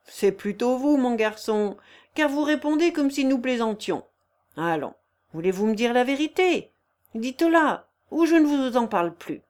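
A woman's voice: a little high, animated, moderate pace, darkish tone, close to an everyday voice. A woman reading the lines of an old male carpenter, a blunt and fatherly friend, in an audiobook.

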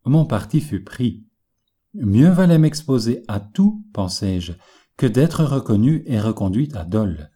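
A male audiobook narrator reads a classic novel in a measured, literary manner. His delivery is slow and unhurried. His tone is dark and mellow. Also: medium pitch.

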